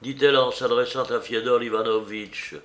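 A man narrating a classic novel as an audiobook, in a measured, even reading. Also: mid-range voice.

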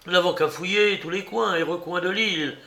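A man reading aloud voices an agitated male watchmaker hunting a fugitive, urgent and shouting. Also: high-pitched, a little fast, creaky, voice pushed up, heavily acted. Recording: roomy echo.

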